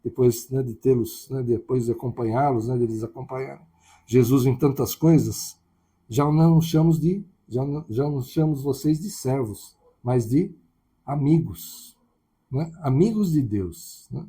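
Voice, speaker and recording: A man's voice: mid-range voice, moderate pace, mellow, breathy edge. A man with a Brazilian Portuguese accent preaching a sermon in a conversational way, often checking in with tag questions.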